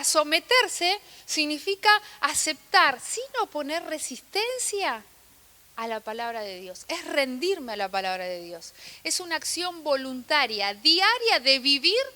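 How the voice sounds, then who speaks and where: A young woman preaching with a Rioplatense Spanish accent, her voice high and bright. She swings her pitch widely and leans hard on key phrases, breaking into friendly asides. It sounds like a lively, personal sermon. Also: a little slow, in a large hall. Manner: animated, emphatic, sprinkled with asides and laughter.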